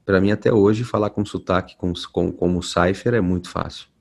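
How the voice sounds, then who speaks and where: A man, a voice actor being interviewed, telling stories in a relaxed way from home. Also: sits low, moderate pace, creaky. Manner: relaxed storytelling, many restarts. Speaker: voice actor guest. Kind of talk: casual interview talk. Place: at home at night.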